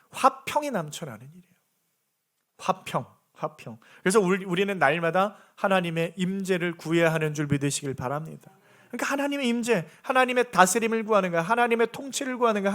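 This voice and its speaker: The sermon comes from a pastor with a high, somewhat bright voice, delivered earnestly in his church's sanctuary. Rhetorical questions to the congregation recur throughout.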